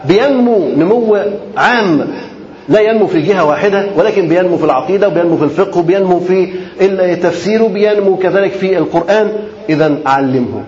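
A man's voice: high-pitched, fast, darkish tone, a little hiss or hum. A man with an Egyptian accent preaching a sermon, talking in colloquial, repetitive, emphatic phrases and mixing in formal Arabic. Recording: muffled, roomy lecture recording.

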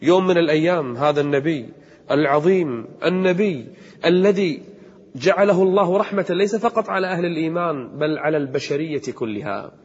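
A man giving an impassioned sermon, slowing down to chant verses. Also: fairly high pitch, husky. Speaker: preacher. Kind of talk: emotional sermon. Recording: echoey hall on a dull cassette tape.

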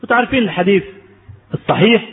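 A man's voice: high-pitched, animated, fast talker, slightly rough, long reverb tail, narrow, tinny audio. A man with an Egyptian Arabic accent preaching a conversational sermon, telling stories and asking his listeners rhetorical questions. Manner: storytelling, rhetorical questions to the audience.

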